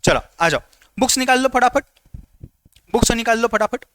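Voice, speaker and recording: A man teaching a live online lecture in a lively, teasing way, often repeating his instructions. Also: very high voice, normal speed, slight background noise.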